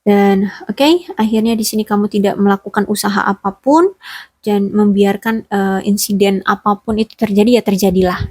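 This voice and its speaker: A woman's voice: medium pitch, moderate pace, darkish tone, husky, dry recording. A woman giving a relationship reading straight to the listener, rambling with many fillers and self-corrections. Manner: speaks directly to the listener.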